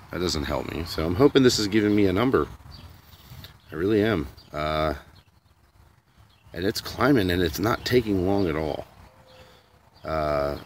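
Filming on his phone in a sunny yard, a man who makes DIY vlogs offers casual commentary, musing aloud in a meandering, unsure way. His voice is low and fairly bright, with a little hiss or hum in the recording.

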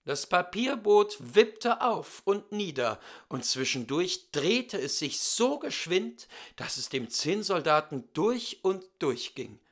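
A man with a high-sitting voice reads a fairy tale aloud as a storyteller. His delivery is deliberate, theatrical and expressive.

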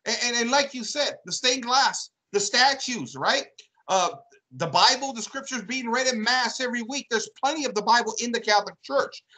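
Bright-voiced man discussing church history. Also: very high-pitched, moderate pace, rough recording. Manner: thoughtful, builds questions with repeated "right?". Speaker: co-host. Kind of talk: casual religious discussion.

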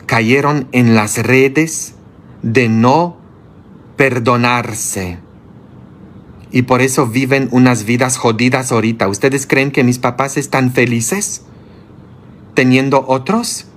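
Blunt, slow-preaching priest. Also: male voice. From Poland. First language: Polish. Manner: blunt, scolding, rhetorical questions, sudden high outbursts. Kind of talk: sermon.

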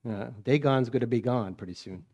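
A man's voice: medium pitch, a little fast, darkish tone. Male preacher, folksy sermon storyteller who acts out the scenes. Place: church.

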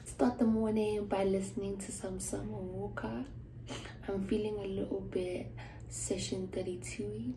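A young South African woman vlogs from her small dorm room, phone camera at arm's length, speaking at a measured pace with a medium-pitched, dark voice that stays fairly flat. A student, she chats casually, rambling and whispering asides, on a low-quality recording with slight background noise.

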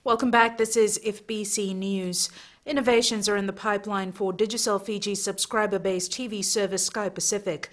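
A woman's voice: mid-range voice, steady tone, normal speed, soft background music. A young woman reading scripted news as an anchor. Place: television studio.

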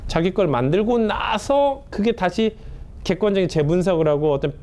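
A man's voice: animated, normal speed, a little mellow. A man in his forties giving an emphatic, conversational business lecture in a classroom, pacing in front of a whiteboard and dropping his voice at the end of each point. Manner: emphatic, conversational, drops pitch at ends of points; paces back and forth while talking.

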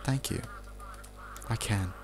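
In a very noisy recording, a young Australian man takes it slowly while commentating casually on a video game. He mutters and rambles off the cuff as a let's play commentator, dropping the odd swear.

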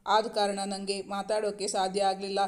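A woman voicing a warm, concerned middle-aged mother who talks in a homely way. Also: mid-range voice, flat delivery, normal speed, close to an everyday voice.

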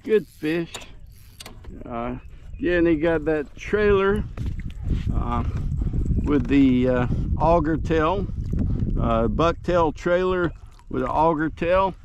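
An older man narrating casually as he fights fish from a kayak on a lake, whooping with excitement, recorded on a mounted camera. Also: a little high, takes it slowly, pauses often, highs cut off, noisy background. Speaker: fishing vlogger. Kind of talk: casual narration while fishing. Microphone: action camera mounted on kayak.

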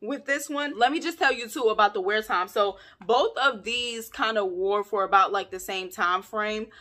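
A woman's voice: mid-range voice, moderate pace. A young adult woman, chatting casually and playfully to camera in her vlog. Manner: chatty, animated, playful asides. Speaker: vlogger.

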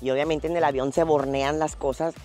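A woman with a low, dark, steady voice talks fairly quickly over faint music. She's a fitness vlogger walking outdoors at a tropical resort, laughing and chatting through a casual travel vlog story on a lapel mic.

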